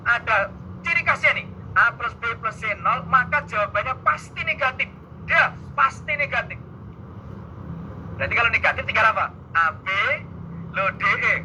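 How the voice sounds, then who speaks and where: A high, very bright man's voice, coaching students through exam math in a playful, teasing tone. The sound is slightly muffled, with a faint hiss underneath. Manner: playful, teasing, quick back-and-forth with students. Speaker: math tutor. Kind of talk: energetic exam-prep lesson.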